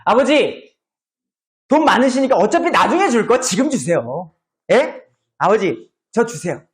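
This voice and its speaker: A man's voice: high-pitched, very animated, a little slow. A man voicing a pushy young son who whines and pleads with his father for money, in a sermon retelling. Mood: wheedling. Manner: whining, pleading.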